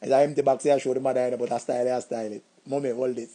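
Jamaican male storyteller, husky voice, animated and loud, acts out every voice. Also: mid-range voice, racing. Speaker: comedic storyteller. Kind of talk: comic storytelling.

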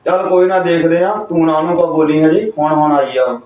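A man's voice: fairly high pitch, brisk, darkish tone, close to an everyday voice. A man playing a reluctant, placating brother. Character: hesitant brother, easily swayed. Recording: echoey room, far mic.

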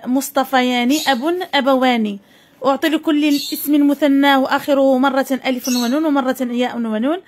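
Dictating slowly and saying each word twice, a Moroccan-accented woman takes young pupils through a grammar lesson. She speaks in a high-pitched voice.

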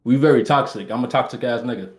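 A Jamaican man in his twenties, a dating contestant, chats flirtatiously on a video date over a headset from a room at home. His medium-pitched voice comes fast, and his manner is laid-back and full of slang.

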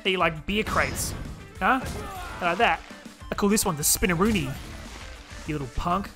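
A man's voice: high voice, moderate pace. Brash male let's-play host, profane trash talk, slightly raised voice, game music under him. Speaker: gaming video host. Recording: game music playing behind voice. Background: video game music and sounds.

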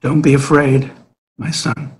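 A man's voice: medium pitch, little pitch movement, a little slow, breathy edge. A man voicing a grieving, loving God. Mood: tender, sorrowful. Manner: gentle, sorrowful pleading. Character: God, a loving, grieving fatherly male deity.

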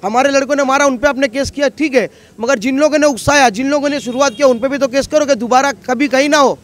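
A man's voice: extremely high pitch, fast, fairly bright tone. A local man in a street interview, talking insistently and with grievance. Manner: aggrieved, insistent. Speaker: local resident.

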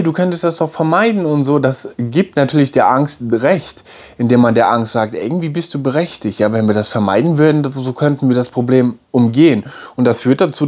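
A man records a personal video diary and speaks straight to his viewers. He talks in a halting, searching way, repeating words and restarting his sentences. His voice sits at an ordinary middle pitch. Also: darkish tone. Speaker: vlogger.

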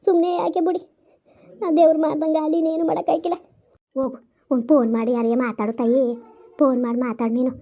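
A woman playing an older village grandmother, coaxing and gently scolding in an amateur village drama on a lo-fi recording. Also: high-pitched, little pitch movement, fast, long pauses. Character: older village grandmother, soothing, gossipy, bossy. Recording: lo-fi dull recording.

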